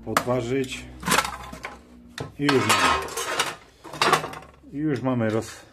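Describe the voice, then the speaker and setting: At a cluttered metal bench in his workshop, a man with a mid-range voice hosts a DIY teardown video, offering casual hands-on commentary. He muses aloud in short, halting phrases while tool clicks and metallic clatter make the bench noisy.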